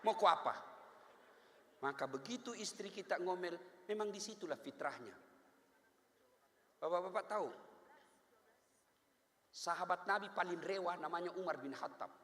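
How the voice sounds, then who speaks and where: A man's voice: sits high, moderate pace, pauses often. A man with a Makassar Indonesian accent preaching a humorous Islamic sermon, acting out voices of husbands and wives, recorded in an echoey hall. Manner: animated, jokey, acts out voices of husbands and wives. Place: large hall.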